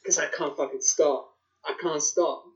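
A man's voice: on the high side, fairly even intonation, measured pace. A man with an Australian accent chatting casually as a podcast co-host, swearing and using plenty of slang. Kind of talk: casual chat. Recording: dull, lo-fi sound.

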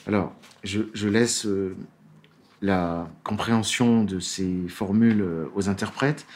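A man with a somewhat low voice gives a spoken law lecture. He pauses often, fills gaps with hesitations and restarts his sentences, then reads passages aloud with more lift. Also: steady tone, a little mellow. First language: French. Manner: hesitant, many fillers and restarts. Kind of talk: lecture with read-out quotes.

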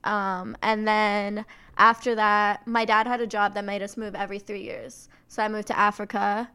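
A woman's voice: mid-range voice, flat delivery, moderate pace, pushed and bright, smooth. A young Canadian woman, a DJ and rapper, chatting casually as a podcast guest, peppering her talk with "like" and laughing easily.

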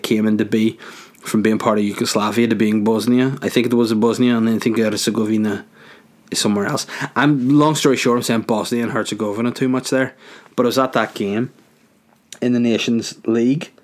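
Rambling, crude podcaster. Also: male voice, medium pitch. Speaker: podcast host. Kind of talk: solo podcast monologue. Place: his garage.

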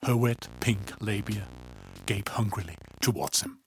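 A man reading a story aloud in calm, even scripted narration, often low and hushed. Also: unhurried, faint music behind.

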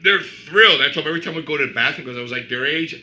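A man's voice: on the high side, very fast, pushed and bright, low-quality recording. A middle-aged man from Cuba, a band member guest, telling rambling stories in casual chat with lots of "you know".

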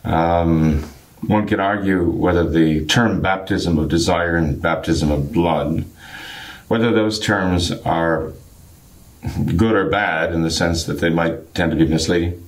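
A man with a low, harsh, gravelly voice from a cold, explaining church doctrine as a priest in an interview, with deliberate, hesitant phrasing. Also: low-quality recording. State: getting over a cold. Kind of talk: religious discussion, explaining doctrine.

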